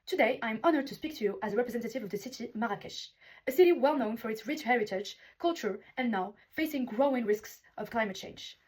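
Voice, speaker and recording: A young woman from Morocco delivers an earnest, prepared competition speech. Her voice sits fairly high and has a husky, breathy edge. She reads steadily, now and then restarting a word. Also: lively intonation, fast talker, a little mellow, poor audio. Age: young adult. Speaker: student speaker representing a city.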